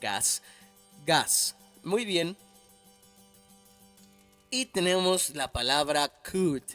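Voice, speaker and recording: A man teaching an English lesson at a slow, patient pace, repeating each word carefully. His voice sits a little high and moves a lot in pitch. Soft music plays faintly behind him. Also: expressive.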